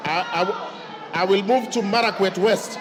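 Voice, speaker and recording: A man's voice: high voice, normal speed. A man acting as a parliamentary clerk, formally reading out a roll of constituencies and names. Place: large parliamentary chamber. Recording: reverberant hall, murmuring crowd. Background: crowd.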